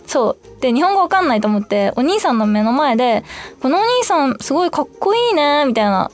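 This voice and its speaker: Bubbly young woman hosting a radio show. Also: on the high side. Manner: chatty and bubbly, acting out quotes. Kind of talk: casual solo free talk.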